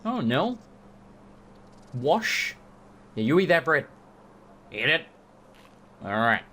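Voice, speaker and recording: A man's voice: fairly high pitch, very animated, slow, bright, forceful tone, a little hiss or hum. A man hosting a let's play, giving casual, joking gaming commentary with informal, sweary talk.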